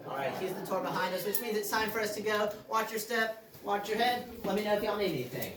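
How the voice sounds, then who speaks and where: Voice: mid-range voice, expressive, quick pace, crowd noise. A tour guide leading a group through an underground cave and giving upbeat instructions, the voice echoing off the rock walls. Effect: cave echo, voice ringing off rock walls. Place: inside a large underground cave. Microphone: distant phone camera held by a visitor. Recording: echoey cave, voice from a distance.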